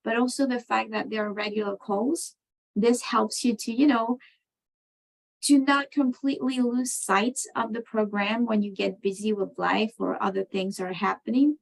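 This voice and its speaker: A woman from France, answering interview questions on a video call, talking thoughtfully with many pauses and fillers. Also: on the high side, fairly even intonation, gravelly, low-quality recording. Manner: thoughtful, many ums and you knows. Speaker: program participant.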